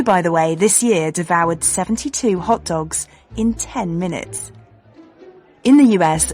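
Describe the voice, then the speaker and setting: A woman's voice: lowish voice, a little mellow. A woman hosting a radio programme, reading her script with a wry, lightly playful manner. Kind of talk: scripted presenter narration.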